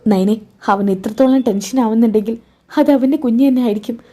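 A woman voicing a frightened young wife who has just discovered her husband's betrayal, talking in high, alarmed bursts. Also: fairly quick, dark tone, close to an everyday voice. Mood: distressed.

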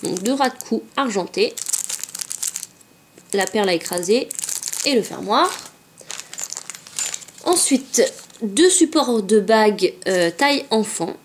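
A woman's voice: medium pitch, animated, slow, long pauses, a little hiss or hum. A woman vlogger chatting casually as she unboxes craft supplies at home, often saying euh and hop. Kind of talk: casual unboxing show-and-tell.

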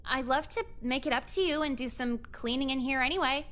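An actress voicing an apathetic, sarcastic teenage girl in a video game, deadpan and crude. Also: high-pitched, fairly quick.

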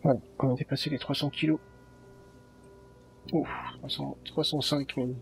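A man's voice: mid-range voice, flat delivery, quick pace, slight background noise. A man giving casual let's play commentary, muttering and thinking aloud to himself.

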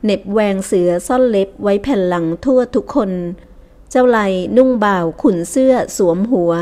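A woman narrates an audiobook. Her storytelling is measured and even. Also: mid-range voice. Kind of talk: scripted narration.

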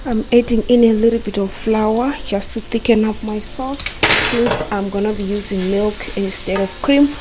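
A young woman calmly narrating a casual cook-along, explaining each step to her viewers from her home kitchen. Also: mid-range voice, normal speed, background noise. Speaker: cooking vlogger. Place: home kitchen while cooking. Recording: loud frying sizzle behind voice.

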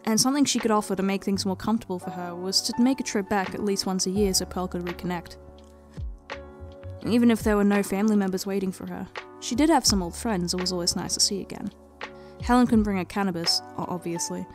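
A woman with a mid-range, darkish voice gives a dramatic reading of a story she wrote herself, narrating like a storyteller. Music plays in the background.

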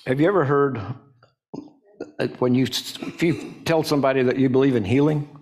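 A man preaching a sermon in a casual, conversational way, with frequent restarts and folksy asides, and with sudden high-pitched jumps when he acts out quoted lines. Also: moderate pace, darkish tone. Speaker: pastor.

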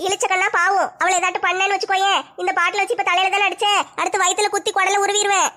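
A woman's voice: very high-pitched, level tone, racing, pushed and bright. A woman playing a bold, teasing woman who threatens a drunk in a comedy skit. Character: bold, tough older sister-figure woman.

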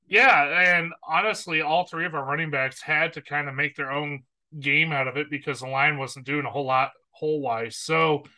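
A man's voice: a little high, steady tone, moderate pace, few pauses, sharp tone, poor audio. A man co-hosting a sports podcast, casually giving earnest opinions and stats about a college football matchup.

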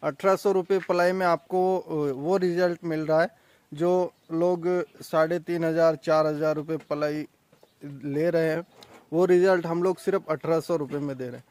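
A young man with a somewhat high voice gives a chatty, boastful sales talk from an outdoor goat pen. He films himself on a handheld phone, and his voice comes across dry, with almost no room sound. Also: fairly even intonation, normal speed, a little mellow, no room sound. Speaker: goat farm owner and vlogger. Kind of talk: casual promotional farm vlog.

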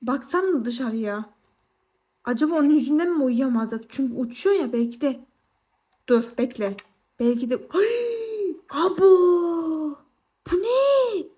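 A young woman chatting casually to viewers while playing a game, excitable and quick to exclaim. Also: a little high. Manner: excitable, exclaims and squeals often. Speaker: gaming vlogger. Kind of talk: casual gameplay commentary.

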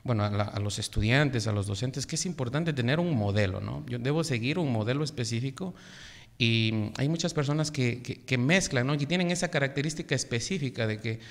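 Teacher guy on radio, kinda gravelly, slow professorial explaining, echo trailing off. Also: mid-range voice. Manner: measured, professorial, many hesitations. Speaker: language teacher, guest. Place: radio studio. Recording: gravelly voice with long reverb.

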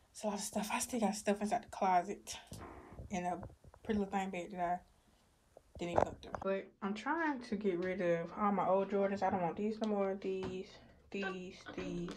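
A woman's voice: mid-range voice, darkish tone, slight background noise. A young woman chatting casually to her viewers in a home vlog. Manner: chatty, addresses viewers as y'all. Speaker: vlogger. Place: bedroom and car. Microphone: phone camera.

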